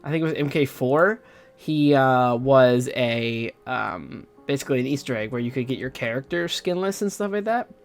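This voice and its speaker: A man's voice: medium pitch, lively intonation, normal speed. A young man giving casual gaming news commentary, rambling and hesitant with lots of fillers and restarts. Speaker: gaming YouTuber.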